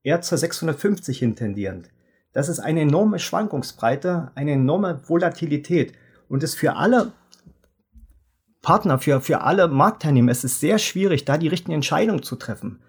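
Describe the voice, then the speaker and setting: A man in his fifties, a fertilizer sales expert, explaining market history in measured detail in a podcast interview. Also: on the high side, lively intonation, husky. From Germany. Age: 50s.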